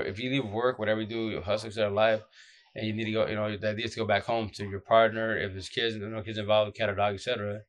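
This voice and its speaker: A man speaks in a low, groggy voice that sounds drained from lack of sleep. He gives advice casually and off the cuff, like a streamer talking to followers. His delivery is blunt and slangy, circling back over the same short phrases. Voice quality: deep, groggy voice. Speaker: social media advice streamer.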